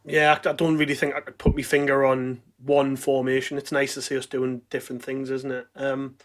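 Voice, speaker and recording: A man's voice: medium pitch, completely flat delivery, a little fast. A man hosting a football fan podcast in a casual, conversational way. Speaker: podcast host.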